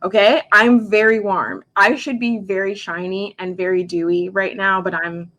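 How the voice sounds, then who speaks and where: In a mid-pitched, slightly bright voice with fairly even intonation, a woman in her forties chats on a home live stream about products. She works as a makeup artist and skincare specialist, and her talk is chatty, full of "like" and quick asides.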